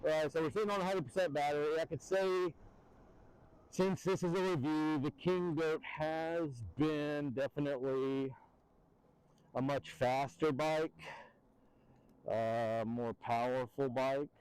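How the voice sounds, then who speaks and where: Riding outside, this man gives a loose, filler-heavy e-bike review as a vlogger, in a very deep voice that's a little mellow with a clean tone. The casual ride-along talk comes through a helmet mic, with wind muffling the recording.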